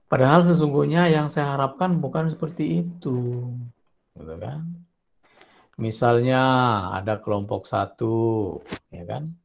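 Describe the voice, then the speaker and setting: Gravelly-voiced man giving a lecture. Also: medium pitch, a little slow, long pauses. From South Sulawesi, Indonesia. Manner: animated, acts out student voices while explaining. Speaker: university lecturer. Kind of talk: classroom lecture.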